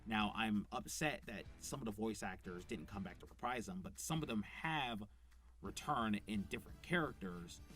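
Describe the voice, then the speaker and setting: A man's voice: lowish voice, moderate pace, a bit bright. A man who voices characters himself, giving enthusiastic, rambling unscripted commentary with plenty of fillers. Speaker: voice actor reviewing a show.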